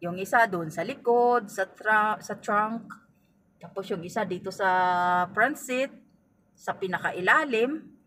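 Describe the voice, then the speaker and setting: In a relaxed car vlog, a middle-aged woman who works as a family driver tells stories in an unhurried, medium-pitched voice with a fairly bright tone. She talks to her audience as "guys" and voices the dialogue herself. Faint ambient noise comes through the distant mic.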